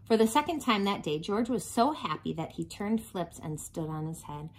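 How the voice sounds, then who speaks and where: A woman reading a picture book aloud to children in an expressive storytelling style. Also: medium pitch, normal speed, a little hiss or hum, rough recording. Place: small home playroom, indoors.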